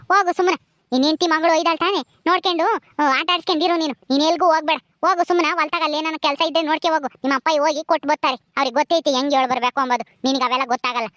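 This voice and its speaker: A woman's voice: high voice, fairly even intonation, rapid-fire, no room sound. A woman playing a bitter, bossy village mother-in-law. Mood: scolding. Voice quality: sharp, scolding, bossy. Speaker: village drama actress. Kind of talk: village family drama acting.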